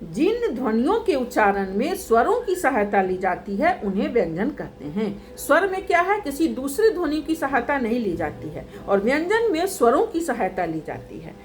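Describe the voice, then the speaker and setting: A woman teaching a grammar lesson, asking questions and then answering them herself, listing each item slowly. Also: high voice, big pitch swings. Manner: slow, deliberate, spells items out one by one.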